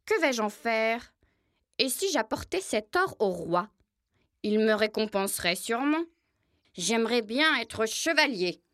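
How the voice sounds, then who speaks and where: A woman's voice: a little high, very animated, a little slow, fairly bright tone, no room sound, clean studio sound. A woman voicing a proud, stubborn and bossy male rooster in a children's storybook recording. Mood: scheming. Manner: pompous, commanding. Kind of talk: storybook acting.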